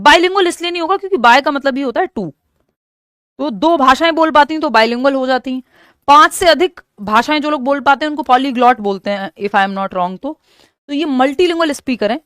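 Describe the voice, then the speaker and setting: High-voiced Indian woman teaching. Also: a bit bright, clean tone, dry recording, clean studio sound. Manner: explains step by step, reads English questions slowly. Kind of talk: exam-prep lecture.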